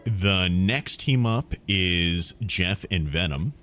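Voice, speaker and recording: A man's voice: low voice, expressive, slow pace, soft background music. A man giving casual gameplay commentary as a streamer and host. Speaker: game streamer and video host. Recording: loud game noise and clicking.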